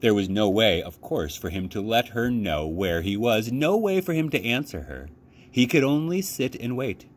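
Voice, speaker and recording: With a fairly low, expressive voice, a male storytime host reads a children's book, his phrasing careful and measured and his delivery dramatically emphasized.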